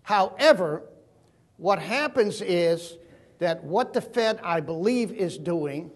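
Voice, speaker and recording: An older man delivers a keynote in a high-pitched voice. He speaks earnestly and with emphasis, slipping into stories between points. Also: expressive, slow. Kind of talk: keynote talk on money and markets.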